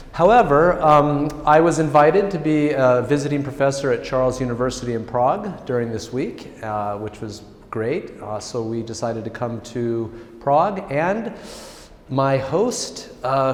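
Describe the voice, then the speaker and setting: An American man from California giving an informal academic lecture, friendly and self-deprecating, with frequent restarts. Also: mid-range voice. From California, United States. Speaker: guest lecturer. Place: large public hall. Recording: roomy hall reverb.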